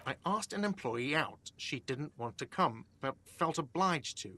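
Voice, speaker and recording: An actor playing a whiny, irritable middle-aged cafeteria manager in a video game. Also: male voice, a little high, animated, normal speed, bright, forceful tone. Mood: irritated. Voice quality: whiny, defensive.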